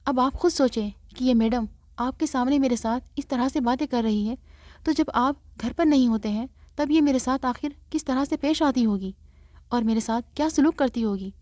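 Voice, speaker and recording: A woman's voice: sits high, darkish tone, no echo, natural voice. A woman voicing a harsh, accusing sister-in-law in a spoken story. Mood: indignant. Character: scolding sharp-tongued sister-in-law woman.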